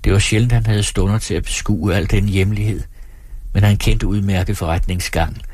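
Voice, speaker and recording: Male audiobook narrator, husky and low, measured delivery, dry close mic. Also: dry recording. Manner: steady, measured reading.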